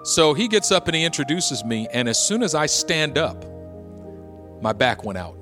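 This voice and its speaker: Man preaching with soft music behind. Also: a little high, sing-song, normal speed. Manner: conversational, humorous storyteller who builds to urgent exhortation. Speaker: pastor. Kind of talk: sermon with personal storytelling.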